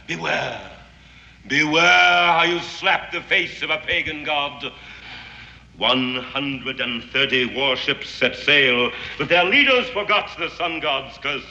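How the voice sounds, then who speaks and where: A fanatical English zealot. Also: male voice, a little high, bright, forceful tone, heavily acted. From England. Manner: grandiloquent, dramatic storytelling, formal diction. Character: zealous English gentleman, sun god cultist, theatrical. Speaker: fanatical Englishman guarding Aztec gold. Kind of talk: 1960s TV western drama. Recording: echoey, dull 1960s TV soundtrack.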